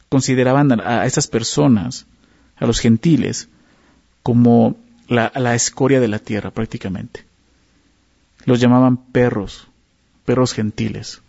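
Male Bible teacher, dark gravelly tone, conversational sermon delivery, muffled lo-fi sound. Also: on the high side. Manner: conversational, asks listeners to follow along. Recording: dull lo-fi recording.

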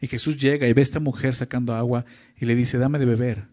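A man's voice: medium pitch, fairly even intonation, quick pace, warm tone. A man preaching a teaching sermon, often checking in with his listeners with short questions. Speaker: pastor. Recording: dull lo-fi recording.

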